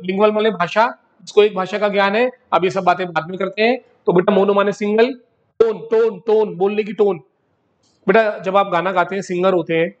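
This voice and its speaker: A male teacher giving a vocabulary lesson, repeating words in drills and calling his students "beta.". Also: high voice. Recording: dull lo-fi recording.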